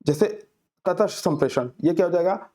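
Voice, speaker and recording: A man with a high voice and dark tone teaches an exam-prep class in Hindi, solving exam questions. He reads the English questions out very slowly, then explains the answers with homely, everyday examples.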